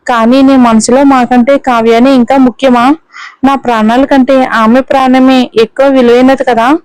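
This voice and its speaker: A woman's voice: high-pitched, little pitch movement, normal speed, a little mellow, clean tone, no room sound, close to an everyday voice, low-quality recording. A woman voicing a pleading young wife. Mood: desperate. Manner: pleading, tearful urgency.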